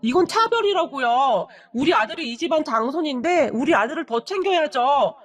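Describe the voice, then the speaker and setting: A woman voicing a pushy sister-in-law who wheedles and then talks back loudly. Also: high-pitched, animated, moderate pace, recorded from a distance. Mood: whining.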